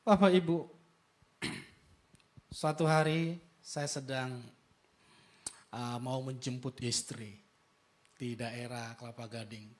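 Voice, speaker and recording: A male pastor delivering a sermon, telling a story with dramatic swings from hushed to impassioned. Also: medium pitch, steady tone, slow, pauses often. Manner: dramatic, moves from soft hushed tones to loud impassioned climaxes.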